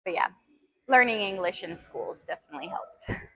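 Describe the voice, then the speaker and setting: Her voice is medium-pitched, expressive and fairly bright, moving at normal speed as she chats casually on a gym live stream. Albanian is her first language; she laughs frequently and reads chat out between sets, though the recording is rough.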